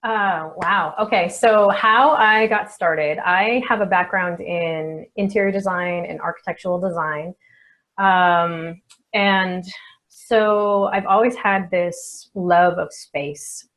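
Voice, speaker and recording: A woman, a feng shui expert and coach, answering interview questions in an unhurried, reflective way with many soft fillers. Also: fairly low pitch, fairly even intonation, poor audio.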